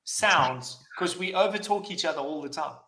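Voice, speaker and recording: A man's voice: a little high, normal speed, a loud crowd. A man from South Africa, a regular on a live chat show, bantering and swearing freely. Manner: chatty, laughing, swears freely. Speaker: regular panelist.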